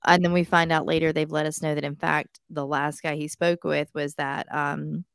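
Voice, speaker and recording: A woman's voice: low voice, level tone, normal speed, gravelly, clear, resonant tone. A woman co-hosting a casual true-crime livestream podcast, chatting and giving case updates. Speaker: podcast co-host.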